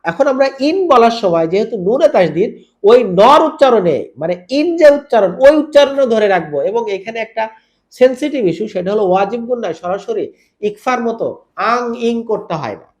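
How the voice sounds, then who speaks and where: A man teaching Quran recitation rules, spelling out each letter and vowel mark and then drawing the words out slowly in a chanted style, asking the listener to repeat. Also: high-pitched, animated, darkish tone. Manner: asks the listener to repeat after him. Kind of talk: step-by-step tajweed lesson.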